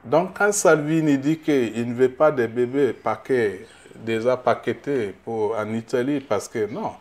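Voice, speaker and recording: A middle-aged man from Burkina Faso, a political candidate answering interview questions, halting and repeating words as he searches, then growing emphatic. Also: medium pitch, a little mellow.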